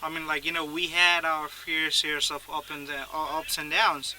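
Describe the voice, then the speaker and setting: A man from Nepal chats as a guest on a cricket commentary, his voice very bright and slightly high. He strings long thoughts together, padding them with "like, you know". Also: level tone, normal speed, a little hiss or hum. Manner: fills speech with "like, you know". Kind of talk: casual live cricket commentary chat.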